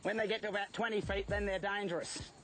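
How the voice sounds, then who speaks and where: Wildlife presenter: Australian man, higher-pitched, informal and showy, over a music bed. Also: fairly even intonation, fast talker. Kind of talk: informal presenting to camera while handling snakes.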